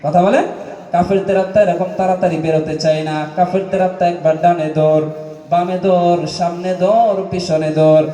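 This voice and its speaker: High-pitched, booming Bengali preacher. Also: male voice, steady tone, moderate pace. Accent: Bangladeshi Bengali. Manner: rhythmic, rising to shouts, asks the crowd to respond. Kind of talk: fiery sermon. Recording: echoey hall, voice from far off.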